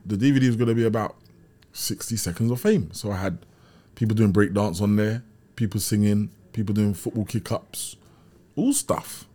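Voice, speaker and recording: A man's voice: on the low side, moderate pace, dark tone. South London man telling street stories. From Brixton, south London. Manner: street slang, frequent checking tags. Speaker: interview guest. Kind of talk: casual conversational storytelling.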